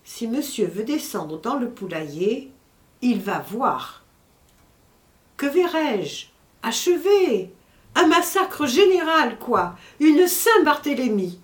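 Woman voicing a panicked old manservant, high lively wails, slow, roomy storybook recording. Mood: distraught. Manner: wailing, breathless exclamations. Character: distraught old male household servant. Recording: roomy echo.

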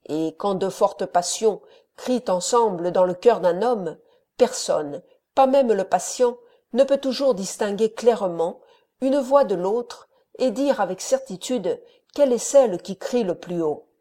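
Woman narrator, audiobook, measured storytelling, mellow warm tone. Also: medium pitch, lively intonation. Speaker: audiobook reader. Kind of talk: scripted narration.

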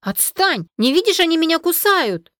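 A woman voicing a feisty, easily outraged young woman in an audiobook, speaking in indignant, shrill outbursts. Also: very animated, normal speed, a bit bright, dry recording, studio quality, exaggerated voice.

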